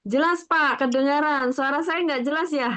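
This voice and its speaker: A woman's voice: high-pitched, normal speed, fairly bright tone. A woman interviewer asking short questions over a choppy, breaking-up call connection. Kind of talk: call-in product Q&A. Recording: dull lo-fi call line.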